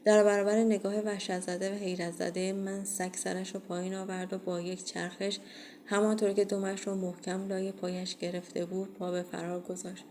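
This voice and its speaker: A woman reading a first-person horror audiobook in a steady, measured way. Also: mid-range voice, a little hiss or hum. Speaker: audiobook reader.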